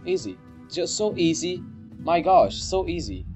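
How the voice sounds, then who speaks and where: A young man doing excitable, easily startled, sweary let's play commentary on a video game. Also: on the high side, a little slow. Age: young adult. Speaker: gaming video creator. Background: game music.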